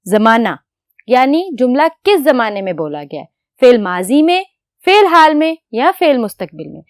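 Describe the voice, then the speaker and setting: A woman teacher giving a lesson to young students, explaining patiently step by step and asking questions that she answers herself, then dictating words slowly as she writes. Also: a little high, very animated, no room sound, studio quality. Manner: dictates slowly while writing. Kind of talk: classroom lecture to children.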